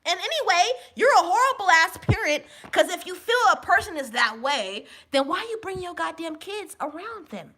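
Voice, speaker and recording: A woman venting straight to camera in a high, bright voice with a forceful edge. She rants angrily and profanely, repeating herself, at times loud and at times dropping low and quiet. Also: animated, normal speed, hardly any pauses. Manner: angry, profane ranting with repeated phrases; swings between shouting and low, subdued talk. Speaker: vlogger.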